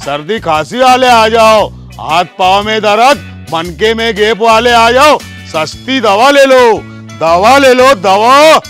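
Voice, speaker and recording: A man's voice: high voice, expressive, unhurried, fairly bright tone. A man with a Khandeshi Hindi accent playing a clinic assistant who calls out to customers like a hawker and grumbles, over music. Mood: hawking. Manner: hawker's sing-song calling, grumbling. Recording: music underneath.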